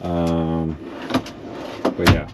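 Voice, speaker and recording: A man casually narrating a road-trip vlog, relaxed and rambling with lots of fillers. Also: low voice, extremely slow, very noisy. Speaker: vlogger. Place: inside an RV and outdoors on the road. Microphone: smart glasses camera.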